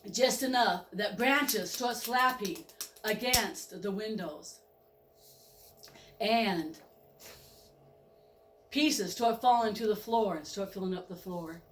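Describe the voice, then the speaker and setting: Slow, dramatic woman storyteller. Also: mid-range voice, reverberant, a little hiss or hum. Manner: dramatic, with spoken train sound effects. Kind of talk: dramatic first-person story narration.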